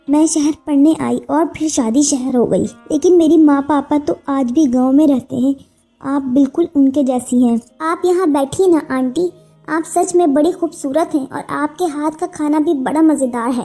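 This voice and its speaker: A woman's voice: high-pitched, normal speed, dark tone, faint music behind. A woman voicing an effusive young city woman, a friend at a party, in a voiced story. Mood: admiring.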